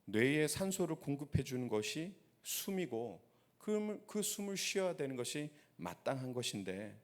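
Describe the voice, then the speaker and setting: A man's voice: medium pitch, very animated, normal speed. Pastor, male, mid-range voice, preaching a sermon to his church and drawing listeners in with questions. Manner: storytelling with rhetorical questions to the congregation. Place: church sanctuary.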